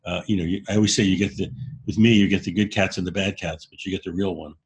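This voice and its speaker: A man co-hosting a podcast speaks in a deep, husky voice. His tone is candid and earnest, and he lays out his views plainly in relaxed conversation. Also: quick pace. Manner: candid and earnest, explains ideas frankly. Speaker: podcast co-host. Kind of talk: casual conversation.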